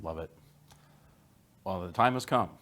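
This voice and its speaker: Deep-voiced upbeat man hosting. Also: unhurried, fairly bright tone. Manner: upbeat, brief interjections. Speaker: podcast host. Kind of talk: quick-fire interview questions.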